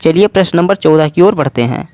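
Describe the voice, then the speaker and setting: A man's voice: fairly high pitch, brisk, a little mellow, no room sound. A man teaching exam questions, explaining each option and repeating his own questions and answers as he goes. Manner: repetitive question-and-answer explaining, addresses listeners as friends.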